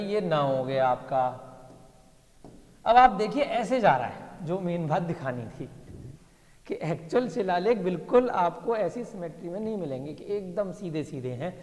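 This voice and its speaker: A man's voice: fairly high pitch, a little mellow, big-room sound. A male teacher explaining an inscription to a class, thinking aloud and checking in with his students. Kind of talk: classroom lesson reading an inscription.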